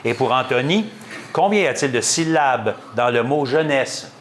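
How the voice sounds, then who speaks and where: A man with a Québécois accent hosting a school quiz game, reading questions and ruling on answers at a quick clip. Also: mid-range voice, animated, a little hiss or hum. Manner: brisk, quick-paced quizmaster, reads questions and rules on answers. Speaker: quiz show host.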